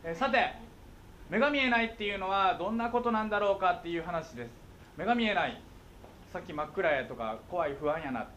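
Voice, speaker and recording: An expressive, quick, pushed and bright high voice belongs to a middle-aged Kansai man addressing schoolchildren. Invited to speak on visual impairment, he jokes playfully and checks frequently that they follow, with a little hiss or hum audible.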